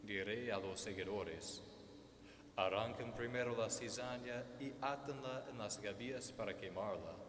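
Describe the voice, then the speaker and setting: A male priest delivers a solemn Gospel reading at an unhurried, formal pace. His voice rings through a church with long cathedral echo, over faint background noise. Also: on the low side, a bit bright. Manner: slow, measured, formal. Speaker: priest celebrant. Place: large church during Mass.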